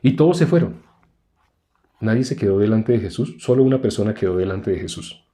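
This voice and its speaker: A man's voice: on the low side, expressive, brisk, mellow. A man preaching a conversational sermon. He explains step by step and often asks rhetorical questions.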